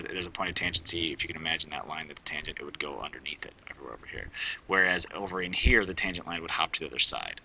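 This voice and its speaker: Deep-voiced man teaching math off the cuff. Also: bright, forceful tone, slight background noise, poor audio. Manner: rambling, self-correcting, thinking aloud. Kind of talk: casual recorded math lesson.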